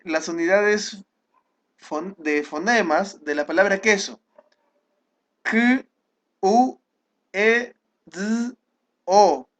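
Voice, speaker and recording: Male teacher, high-pitched, patient explainer, recorded class lesson. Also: a bit bright. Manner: explanatory, with frequent checking "¿ya?" and restarts.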